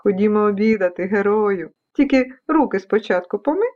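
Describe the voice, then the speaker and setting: A woman voicing a calm, reassuring mother in a children's storybook reading. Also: mid-range voice, moderate pace, close to an everyday voice. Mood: gentle. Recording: dull lo-fi recording.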